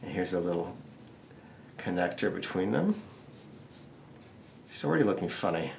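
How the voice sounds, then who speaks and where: With a deep, creaky, darkish voice, a drawing instructor walks through a casual step-by-step tutorial at normal speed. He's very animated and tosses in wry jokes, and there's a little background noise.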